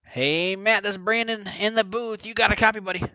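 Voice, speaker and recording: A man calling a sim race as play-by-play commentator, talkative and building excitement toward the finish. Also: high-pitched, fairly quick, clean tone, dry recording, dull audio.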